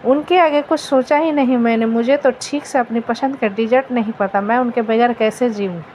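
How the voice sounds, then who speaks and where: A woman's voice: on the high side, normal speed, a little mellow, close to an everyday voice. A woman voicing a grieving twenty-year-old woman who pleads through her tears. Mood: tearful pleading. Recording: dull lo-fi with faint noise.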